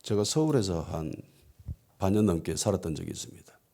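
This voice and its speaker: Gyeongsang-accented male pastor, storytelling sermon, warm mellow tone, animated delivery. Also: sits low, brisk, vocal fry. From Gyeongsang region, South Korea. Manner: storytelling with quoted voices and frequent affirming "예". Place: church.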